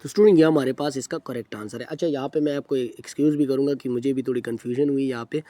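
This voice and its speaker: A man explaining practice test answers to students. His voice is mellow and relaxed and sits at a middle pitch. He works through each problem step by step, reads the English question text slowly, and keeps stopping to correct himself with a quick apology. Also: no echo. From Pakistan. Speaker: test preparation teacher.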